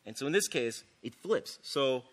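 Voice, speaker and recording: On a conference stage before an audience, a man gives a casual, enthusiastic talk packed with fillers like "um" and lots of "like"s. His mid-range voice has lively intonation and a moderate pace, with noise in the background.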